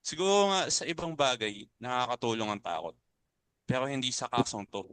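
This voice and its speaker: In a dramatic reading, a Filipino-accented man voices a principled older club uncle who urges compassion over fear. His mid-range voice is a bit bright with big pitch swings and a brisk pace, and he sounds earnest and firm on a clean recording with no echo.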